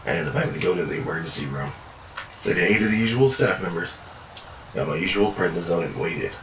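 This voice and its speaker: A deep-voiced, weary male narrator reads a first-person fiction journal, speaking a little fast with lively intonation. His storytelling is world-worn and full of swearing. The recording is noisy, made in an echoey room on a distant mic.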